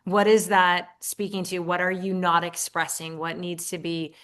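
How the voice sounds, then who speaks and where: This middle-aged woman's voice sits on the low side, with flat delivery, moderate pace, and a fairly bright tone. Guesting on a casual podcast while hosting her own, she speaks earnestly, offering affirmations and often restarting her sentences.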